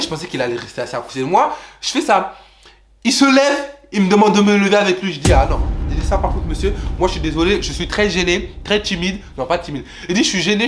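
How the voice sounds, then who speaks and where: A young man telling a personal travel story to his viewers in an animated vlog style, talking straight to them and jumping into high voices to act out what people said. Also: fast. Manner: animated, addresses viewers as "les gars", jumps into high voices for quotes. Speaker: vlogger.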